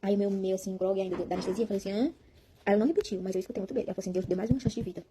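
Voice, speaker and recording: With background noise behind her, a young vlogger from Brazil talks very fast in a mid-range voice, giving a personal testimony. Her Brazilian Portuguese-accented story is emotional and rambling, and she repeats words while calling out to her viewers.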